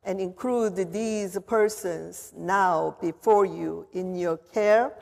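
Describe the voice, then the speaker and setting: Slow woman pastor in cathedral echo. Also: fairly low pitch, vocal fry, a little mellow. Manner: measured, formal liturgical reading. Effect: long cathedral-like echo. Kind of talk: leading a confirmation liturgy. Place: church sanctuary. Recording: voice in a reverberant church.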